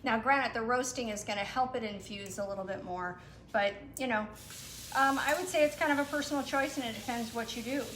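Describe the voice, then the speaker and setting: A woman's voice: a little high, brisk. Woman chatting about cooking, echoey room. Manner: relaxed, explaining with frequent fillers. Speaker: guest cook. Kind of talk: casual cooking chat. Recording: echoey room with some noise.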